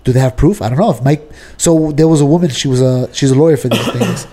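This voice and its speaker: A man in casual political chat, argumentative and animated, peppering his talk with fillers. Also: mid-range voice, fast talker.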